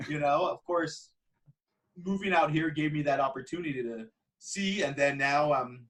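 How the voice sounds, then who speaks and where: Bright-voiced American man, slightly off-mic. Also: fairly high pitch, normal speed, distant mic. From United States. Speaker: interviewer. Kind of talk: casual interview chat.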